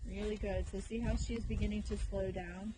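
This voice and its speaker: A woman riding instructor coaching a live lesson with brisk, projected commands in short, repeated instructions. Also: medium pitch, steady tone. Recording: noisy ambience, voice sometimes distant.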